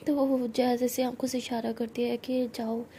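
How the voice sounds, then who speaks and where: A young woman narrating a personal love story in first person, acting out the dialogue in a soft, hushed voice. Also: a little high, flat delivery, normal speed, a little hiss or hum.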